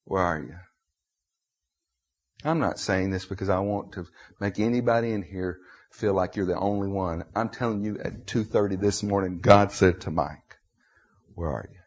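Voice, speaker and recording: An American man in his fifties delivers an emotional sermon in a husky, fairly low voice. He swings dramatically between hushed confession and loud cries, yet keeps a steady tone at a moderate pace with few pauses.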